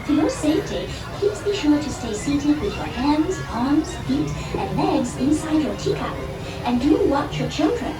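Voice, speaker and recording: A theatrical, whimsical tea party hostess makes polite scripted ride announcements. Her voice is extremely high and animated, heard from far off with loud music playing. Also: a little slow. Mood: whimsical, welcoming. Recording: echoey park speakers, loud music, crowd.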